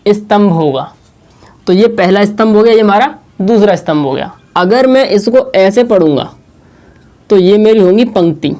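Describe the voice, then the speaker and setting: Male teacher, mellow tone, rhetorical question-and-answer style, patient board lesson. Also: sits high, lively intonation. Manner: asks questions and answers them himself; slow, repetitive explaining.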